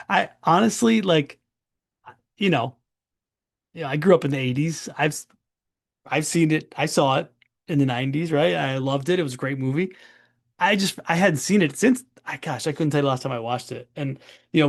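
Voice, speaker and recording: Brief: forties male doctor hosting webinar, gravelly and chatty. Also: medium pitch. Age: 40s. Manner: chatty, long-winded, rambling. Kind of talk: casual webinar Q&A.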